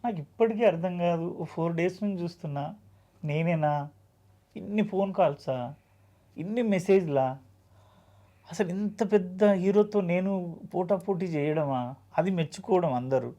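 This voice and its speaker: A man's voice: sits high, unhurried, long pauses, warm tone. A man, an actor telling his story earnestly and emotionally in an interview, often acting out dialogue.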